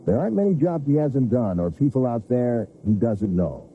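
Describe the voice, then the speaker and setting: A male TV news reporter narrating a scripted feature story in a measured, storytelling delivery. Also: medium pitch, big pitch swings, slight background noise. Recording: tinny VHS broadcast with music.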